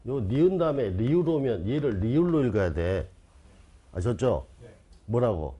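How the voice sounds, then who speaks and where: A man's voice: medium pitch, big pitch swings, moderate pace, dark tone, slightly rough. A man giving an online exam-prep lecture, quizzing his students with constant rhetorical questions and insistently repeating key terms.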